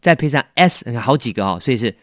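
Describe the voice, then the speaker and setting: A man teaching English vocabulary in a lively, coaxing way, asking his learners questions. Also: medium pitch, quick pace, no echo, clean studio sound. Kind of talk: bilingual vocabulary lesson.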